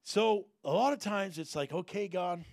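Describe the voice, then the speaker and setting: A man preaching a folksy sermon, repeating phrases and sometimes bursting into loud shouted prayers. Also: high-pitched, normal speed, dry recording, clean studio sound.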